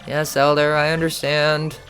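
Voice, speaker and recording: A man's voice: fairly high pitch, flat delivery, measured pace, fairly bright tone, faint music behind. A man voicing an earnest young boy who pleads and explains eagerly in a video game. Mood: pleading.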